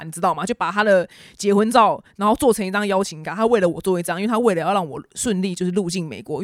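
Fast-talking woman. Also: medium pitch, dry recording, studio quality. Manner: chatty, exasperated ranting with sarcastic asides. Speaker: podcast host. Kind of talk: casual news commentary podcast.

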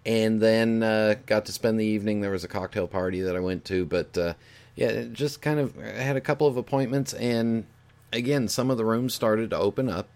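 A man with a low, gravelly voice talks as the host of a casual radio-style show. His delivery is folksy and halting, like an informal monologue to regular listeners.

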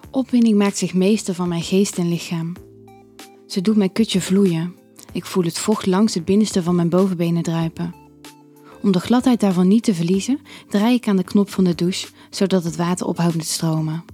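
Low, breathy woman narrating a story. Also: mellow.

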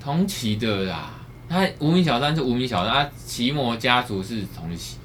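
A man's voice: medium pitch, sing-song, moderate pace, fairly bright tone, slight background noise. A man with a Taiwanese Mandarin accent hosting a podcast, joking and bantering with casual swearing. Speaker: podcast host.

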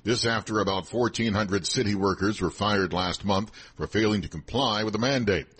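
A man's voice: lowish voice, moderate pace, fairly bright tone, slightly rough. A man reading scripted headlines as a radio newsreader.

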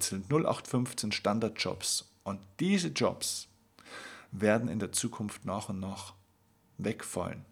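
A man hosting a podcast episode, giving an emphatic motivational monologue straight to the listener and slowing down to stress key words. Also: mid-range voice, creaky, husky. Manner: addresses the listener directly. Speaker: podcast host.

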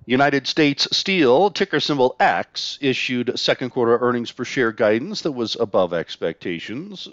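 A man's voice: mid-range voice, no room sound. Man reading market news, slightly dull audio. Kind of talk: scripted financial market news narration.

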